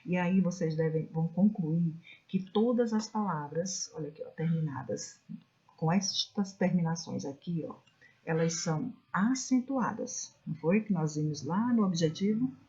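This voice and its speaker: Brazilian woman teaching kids online, patient, keeps pointing at slides, dark voice, kinda muffled recording. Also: fairly low pitch, moderate pace. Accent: Brazilian Portuguese. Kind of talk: recorded online class for children.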